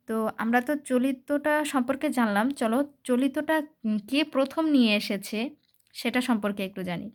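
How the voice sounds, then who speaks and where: A woman tutor giving an exam-focused lesson, talking straight to her students and repeating key points with fillers. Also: on the high side. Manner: repetitive, addresses students directly, with fillers.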